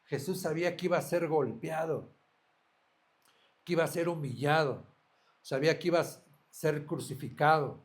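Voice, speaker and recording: Earnest pastor, rather high voice. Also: male voice, normal speed, pauses often. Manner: earnest preaching with rhetorical questions to the listener. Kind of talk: sermon.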